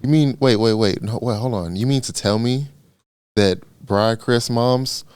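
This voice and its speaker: A man co-hosting a comedy podcast, joking in a deadpan way with bursts of laughter. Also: medium pitch, a little slow, clear, resonant tone. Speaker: podcast co-host. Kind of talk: casual comedy chat.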